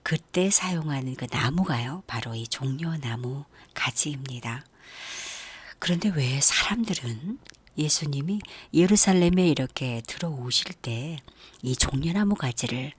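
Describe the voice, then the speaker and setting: Female youth preacher, low and husky, gentle story-led sermon with questions to listeners. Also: animated, unhurried.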